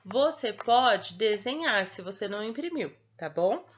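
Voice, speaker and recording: A young woman teacher with a Brazilian Portuguese accent, slowly walking small children through their homework in a patient, sing-song way and often checking in with them. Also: mid-range voice, lively intonation, slight background noise. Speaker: primary school teacher. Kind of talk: remote lesson explaining homework to young children. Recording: dull lo-fi home recording.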